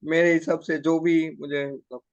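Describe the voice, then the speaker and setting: A man who is a student on an online class call, hoarse from a cold and speaking hesitantly and apologetically. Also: on the high side, little pitch movement, moderate pace. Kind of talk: casual talk on a class call. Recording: dull, dry online call audio.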